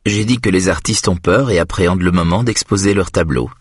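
A man's voice: sits low, brisk, slightly rough, dry recording, clean studio sound. A man voicing a cheerful, playful adult woman in an audiobook, speaking in a raised, amused tone. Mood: eager. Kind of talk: audiobook character voice.

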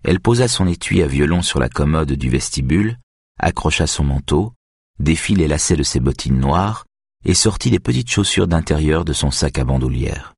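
A man reading a novel aloud in an even, measured way. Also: very deep voice, gravelly, slightly rough, no room sound, studio quality. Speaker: narrator. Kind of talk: audiobook narration.

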